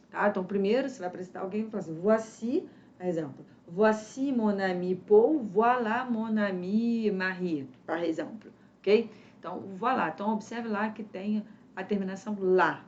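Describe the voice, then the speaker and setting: A woman with a Brazilian Portuguese accent teaching French in a casual lesson, slowly repeating sounds to demonstrate them. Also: mid-range voice, lo-fi sound.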